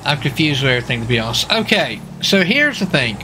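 Speaking fast in a sing-song, medium-pitched voice, a young man livestreams a game against a noisy background. His casual gaming chat rambles and repeats itself, typical of this livestreamer and role-player.

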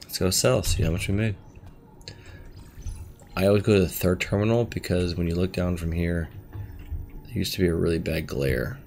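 A man's voice: deep voice, steady tone, moderate pace, creaky, long pauses, darkish tone. A man giving laid-back, rambling commentary over his gameplay, thinking aloud as he plays. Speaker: gaming video host.

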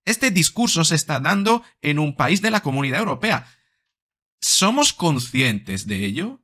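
A man's voice: a little high, big pitch swings, a little slow, bright, forceful tone. A man in his thirties, a psychologist commentating on a video, talking emphatically with many fillers and rhetorical questions into a desk microphone in a small home studio. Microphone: desk microphone in front.

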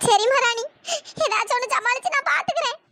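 A tearful old grandmother, crying and wailing to the heavens, as a performer puts her on. The voice is pushed very high, like a sped-up cartoon, and she pleads and frets without pause. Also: sharp tone, a little hiss or hum. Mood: anxious, tearful. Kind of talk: pitch-shifted cartoon voice acting.

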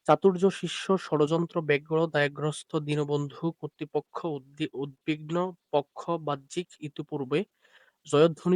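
A man's voice: a little high, no room sound. A man teaching an exam preparation lesson, reading out questions and word lists with filler sounds. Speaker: online madrasah teacher.

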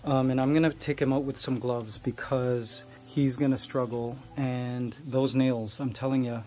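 A man's voice: mid-range voice, level tone, measured pace, darkish tone, soft background music. Chatty man showing off an outdoor pet pen. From Canada. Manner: chatty, explaining to viewers while handling pets. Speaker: vlogger. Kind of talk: casual vlog walkthrough. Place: outdoor animal enclosure.

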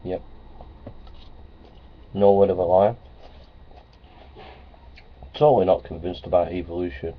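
In a casual webcam vlog, a deep-voiced man rambles at a measured pace, his intonation fairly even and his pauses frequent. He speaks plainly and repeats himself, with plenty of ums and uhs. Framed certificates hang on the wall of his small office, and the close-up webcam gives dull lo-fi audio with a faint hiss.

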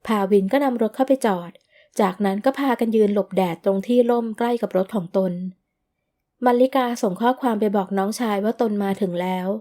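A woman giving a scripted narration of a romance audio novel in a smooth storytelling read. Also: medium pitch, fairly quick, warm tone.

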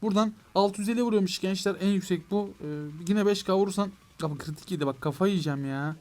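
A young man giving excitable let's play commentary on a mobile game, talking to his viewers and to the game, with mock frustration when things go wrong. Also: high voice, fast talker. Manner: excitable, addresses viewers as "gençler". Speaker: gaming YouTuber.

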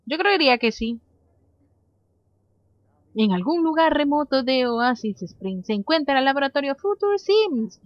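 Woman, let's-play host; chatty, reads menu options aloud, prone to excited squeals; high voice, dry lo-fi mic. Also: a little slow, pauses often, dry recording. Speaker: gameplay commentator. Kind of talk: casual let's-play commentary.

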